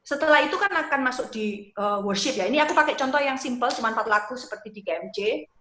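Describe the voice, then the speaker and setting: A woman with a high, bright voice gives a relaxed lesson on leading worship. She talks casually and breaks into acted-out prayer lines as examples. The room carries a noticeable echo. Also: fast. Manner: lively, demonstrates prayer phrases and sings snippets. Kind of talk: casual teaching talk.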